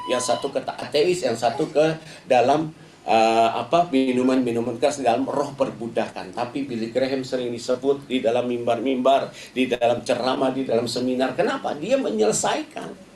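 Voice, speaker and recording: A man's voice: mid-range voice, sing-song, normal speed, darkish tone, echoey room, a little hiss or hum. A male pastor preaching a Sunday sermon in a conversational way, often addressing the congregation directly. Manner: conversational preaching, many filler "ya" and "saudara". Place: church service.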